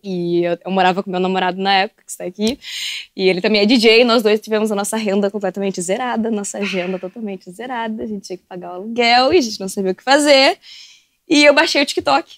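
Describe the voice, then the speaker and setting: A woman, an animated guest telling stories on a podcast and laughing often. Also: medium pitch, fast talker, dry recording. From southern Brazil. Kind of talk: casual podcast chat.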